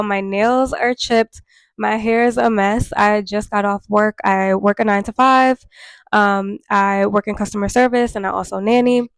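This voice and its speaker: A vlogger in her mid-twenties talks casually to camera, nasal and tired from a cold. She's earnest and chatty, with lots of fillers and a fairly flat pitch. The mic is close and the recording dry, without room sound.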